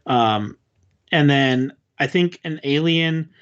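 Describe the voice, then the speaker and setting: A man's voice: on the high side, slow, clean tone. A man co-hosting a podcast, chatting casually and reacting with enthusiasm. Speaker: podcast co-host. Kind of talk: casual chat. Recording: slightly dull lo-fi sound.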